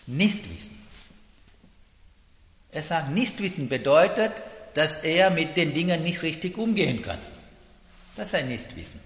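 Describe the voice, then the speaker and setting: Man, Buddhist teacher, dharma talk, halting broken phrasing, animated pitch, roomy reverberant hall. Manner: halting, broken grammar, frequent "Ja?" check-ins.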